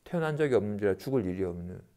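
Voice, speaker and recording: A man, a Buddhist monk, giving a dharma lecture and acting out everyday complaints in quick asides. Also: fairly low pitch, animated, dark tone.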